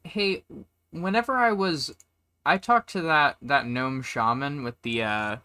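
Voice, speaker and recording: A woman playing a tabletop game, halting and full of questions. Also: low-pitched, pushed and bright, smooth, no echo. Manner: halting, asks many questions. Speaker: player. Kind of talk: casual tabletop play.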